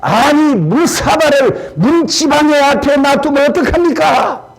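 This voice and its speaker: A male pastor voicing a grown son who is quick to apologize and quick to talk back. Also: high-pitched, darkish tone, poor audio. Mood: indignant. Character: young adult son, hasty and defensive.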